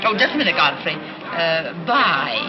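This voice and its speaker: An actress playing a scatterbrained, bossy middle-aged society matron in 1930s screwball comedy banter. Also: female voice, sits low, big pitch swings, a little slow, highs cut off. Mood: fluttery, bossy. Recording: band-limited 1930s film soundtrack, music, party chatter.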